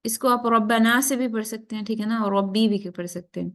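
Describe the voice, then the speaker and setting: A woman's voice: fairly high pitch, a bit bright. A woman teaching a tajweed class, slipping English phrases into her talk and often checking that students follow. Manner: keeps checking in with students after each point; mixes English phrases into Urdu. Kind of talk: class lecture.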